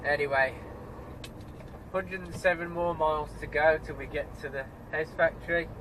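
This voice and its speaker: With a fairly high pitch, a steady tone, and a bit of brightness, a man talks at normal speed in a low-quality recording. He's a truck driver with a stuffy nose from a cold, chatting casually to the camera from his cab for a driving vlog and grumbling about other road users, with road and engine noise around him.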